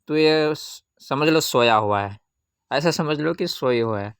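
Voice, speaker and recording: A man teaching a Qaida reading lesson, patiently asking questions and answering them himself, with drawn-out syllable recitation. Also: on the high side, clear, resonant tone, dry recording, clean studio sound.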